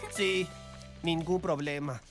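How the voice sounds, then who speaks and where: A woman voicing a small, playful, excitable furry animal sidekick in an exaggerated children's cartoon style. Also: low voice, slow pace, over loud music. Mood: grumbly. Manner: exclamatory, exaggerated cartoon delivery. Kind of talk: animated children's show dubbing.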